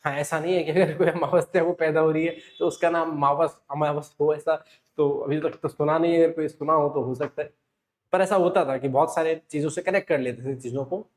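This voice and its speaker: A Rajasthani man teaches a competitive-exam class in that carries a tinge. His voice sits slightly high, and he keeps posing questions and answering them himself. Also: fairly even intonation, a little fast. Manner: explanatory, asks and answers himself, frequent "है ना". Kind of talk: classroom lecture.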